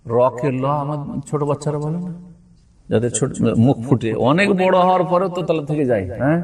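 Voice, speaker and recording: A man's voice: fairly high pitch, lively intonation, darkish tone. Man teaching from a distance. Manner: explains slowly, checks understanding with frequent rhetorical questions; recites Arabic passages with careful pronunciation. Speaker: religious teacher. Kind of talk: classroom lecture on Islamic law.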